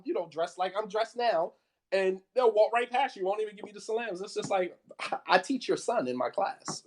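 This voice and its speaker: An American man, an Islamic studies teacher, giving an impassioned, emphatic talk that keeps repeating his points and asking if you follow. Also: high voice. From United States. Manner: emphatic, repetitive, peppered with 'you know what I mean'.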